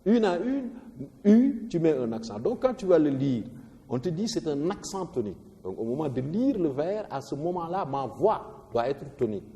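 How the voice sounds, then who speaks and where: A man explains verse rhythm like a teacher at the board, leaning hard on stressed syllables and often restarting words. His voice is mellow and dark. It sits in a room with a long reverb tail. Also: a little high, very animated, normal speed. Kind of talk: explaining a poetry lesson.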